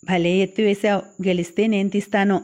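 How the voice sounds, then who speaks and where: A woman reading the lines of a jovial, teasing married man in an audiobook novel, in an even, plain voice. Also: medium pitch, fairly quick, close to an everyday voice.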